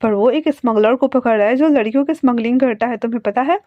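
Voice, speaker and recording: A woman's voice: a little high, fast, dry recording, close to an everyday voice. A woman voicing a blunt young man who brushes off a friend's fuss in a dismissive way. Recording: dry, dull lo-fi sound.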